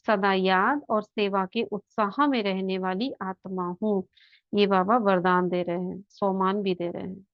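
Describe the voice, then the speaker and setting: A woman leads a spiritual class with a guided visualization, her voice at a middle pitch for a woman. She explains step by step and turns questions back to her listeners. The recording is dull and lo-fi, with a dry, close sound. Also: no room sound.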